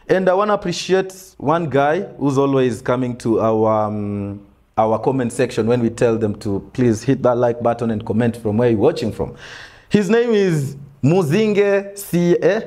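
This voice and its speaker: A young man hosting a sports betting-tips show in a small studio, running through picks in a relaxed, casual way. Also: mid-range voice. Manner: relaxed, lists picks with frequent "mm" backchannels. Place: small studio in front of a brick wall backdrop.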